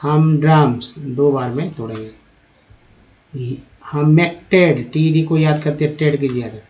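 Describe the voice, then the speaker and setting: A man's voice: fairly high pitch, takes it slowly, a little mellow. A man teaching English reading, sounding out words syllable by syllable and repeating each one. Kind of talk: slow word-by-word reading lesson. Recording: dull lo-fi recording.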